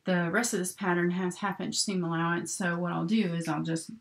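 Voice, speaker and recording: Creaky low-voiced woman teaching a sewing craft. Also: brisk. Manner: chatty, talks herself through each step while working with her hands. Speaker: sewing instructor hosting a live stream. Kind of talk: casual hands-on tutorial talk. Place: indoors at a work table. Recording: noisy home recording with rustling paper and clicks. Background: paper rustling, clicks, steady noise.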